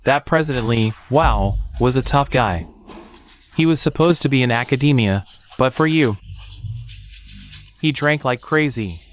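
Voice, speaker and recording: A man's voice: medium pitch, animated, unhurried, long pauses, close to an everyday voice. A man playing a businessman in a dubbed corporate romance melodrama. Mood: reminiscing. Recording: music under the dialogue.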